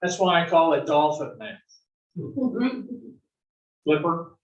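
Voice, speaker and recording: With a slightly high voice and a flat, slow delivery, a south-central US man teaches algebra, trading in folksy corny jokes and frequent "right?" check-ins. The highs are cut off, and the distant mic sits in an echoey classroom.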